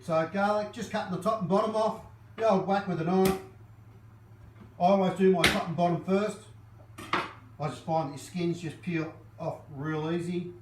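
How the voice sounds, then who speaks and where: A woman co-hosting a cooking stream in a home kitchen, calmly explaining each step in an easygoing, practical way. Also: on the low side, normal speed, pauses often, roomy sound, distant mic, noisy background. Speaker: cooking show co-host. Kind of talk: casual cooking demonstration.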